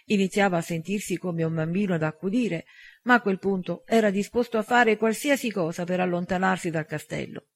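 High-voiced man narrating an audiobook. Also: brisk, vocal fry.

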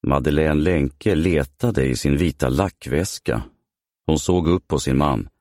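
A man reads a novel aloud in a measured, steady way. His voice is extremely deep, and the recording is close and dry, with no room around it. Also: no echo. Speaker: narrator. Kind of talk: audiobook reading of a crime novel. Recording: dry close studio sound.

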